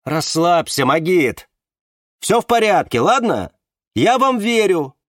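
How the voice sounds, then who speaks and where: An evasive, soothing man on a speakerphone, voiced by a male narrator. His voice rides higher than the narrator's, louder, with lively rises as he calms others. Dry, close sound. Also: takes it slowly, dry recording, full character voice. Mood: firm. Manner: placating.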